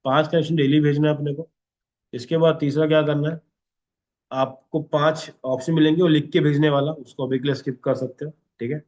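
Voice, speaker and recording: A man's voice: on the high side, fairly even intonation, fairly quick, a little mellow. Man teaching a class, dull lo-fi sound. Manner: instructive, repeats 'okay?' constantly. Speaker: instructor. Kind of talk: classroom lesson.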